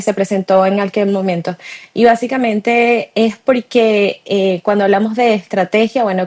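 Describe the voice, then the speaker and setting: Venezuelan woman, measured interview answers. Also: mid-range voice, a little mellow. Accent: Venezuelan Spanish. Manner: measured, with frequent filler hesitations. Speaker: guest, tech director.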